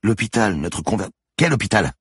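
A man's voice: extremely low pitch, fast talker, breathy edge, no echo, studio quality, voice pushed up, exaggerated voice. A man voicing a terrified young woman mathematician who asks frantic questions. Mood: panicked.

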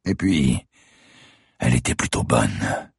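A man voicing a young masked killer who talks in a slow, taunting, mocking way. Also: extremely low pitch, very animated, gravelly, slightly rough, no echo, studio quality, exaggerated voice. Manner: sneering, taunting, slow and deliberate.

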